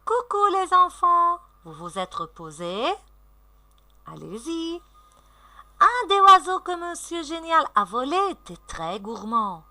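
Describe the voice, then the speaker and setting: A woman teacher gives a recorded reading lesson to young children, sounding out syllables slowly and clearly in a sing-song way. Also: very high voice, sing-song, pushed and bright. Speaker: primary school teacher.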